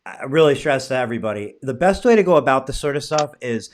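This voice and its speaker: A man's voice: medium pitch, expressive, fast talker. A man hosting a podcast interview who talks directly and with emphasis as he gives advice. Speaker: podcast host.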